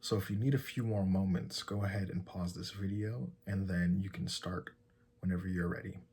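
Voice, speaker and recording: Leading a guided meditation, the man speaks low, soft and husky with a breathy quality. His instructions are calm and gentle, and he leaves long pauses between them.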